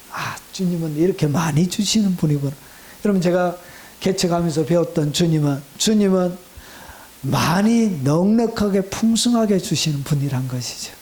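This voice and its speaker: Male pastor, middle-aged, high-pitched, animated sermon delivery with sudden hushed asides. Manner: animated, swings between loud exclamations and hushed asides.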